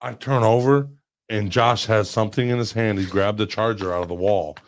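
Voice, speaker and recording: A man's voice: on the low side, moderate pace. A man hosting a casual podcast, telling stories animatedly, swearing a lot and yelping when he acts out being scared. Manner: animated storyteller, swearing, loud yelps when acting out scares. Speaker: podcast host.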